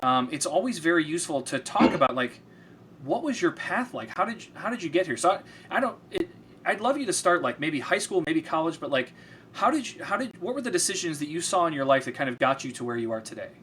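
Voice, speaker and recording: A man's voice: a little high, very animated, fast, a bit bright, a little hiss or hum. A man hosting a casual interview, upbeat and chatty, laughing easily. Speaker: interview host.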